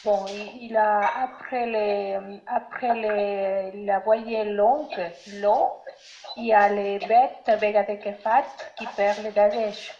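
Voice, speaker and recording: A woman's voice: medium pitch, steady tone, takes it slowly, mellow, highs cut off, a little hiss or hum. A woman student answering in an online class, hesitant and thinking aloud.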